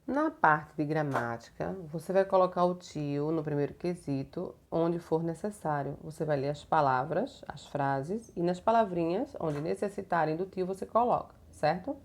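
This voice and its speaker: Patient Brazilian woman teacher, lower voice. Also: slight background noise. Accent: Brazilian Portuguese. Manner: slow, patient and didactic, stretching words out; uses many diminutives and checking tags. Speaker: primary school teacher. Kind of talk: recorded homework lesson for young children.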